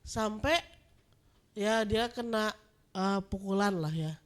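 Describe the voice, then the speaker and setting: A woman's voice: mid-range voice, slow. Hesitant woman asking a question. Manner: hesitant, many fillers. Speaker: audience member asking a question. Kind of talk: conversational question with story.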